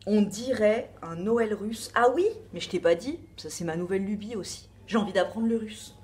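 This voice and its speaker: A woman's voice: mid-range voice, moderate pace, darkish tone. A woman with a French accent reviewing a beauty box in a casual, rambling chat full of asides and fillers.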